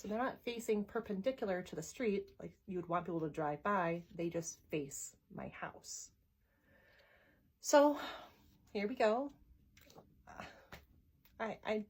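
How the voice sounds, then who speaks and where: A woman's voice: mid-range voice, breathy edge. A woman in her thirties, a mother, telling an earnest, emotional personal story to camera and quoting her family as she goes. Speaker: vlogger, mother.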